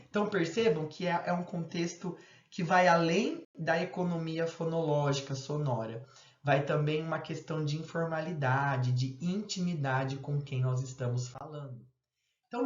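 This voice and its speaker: Man lecturing in a roomy, dull recording. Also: on the high side. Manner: explanatory, acts out casual example phrases, checks in with "né?". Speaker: university lecturer.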